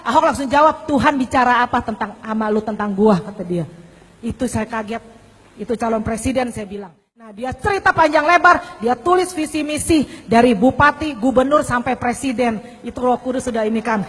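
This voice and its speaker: A woman's voice: high-pitched, a bit bright. A woman preacher telling a testimony to a congregation, acting out the voices in her story as she goes. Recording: echoey hall with long reverb.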